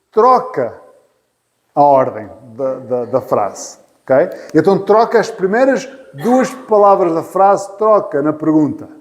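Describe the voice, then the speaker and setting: The reverberant church hall classroom carries the slightly high, somewhat mellow voice of a Portuguese teacher. With a European Portuguese accent, he runs an English class patiently, repeating phrases and joking lightly.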